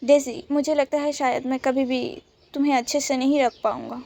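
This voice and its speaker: A woman voicing a young man in a romance story, tearful and remorseful, speaking softly and haltingly. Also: high voice, little pitch movement. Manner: soft, halting and apologetic.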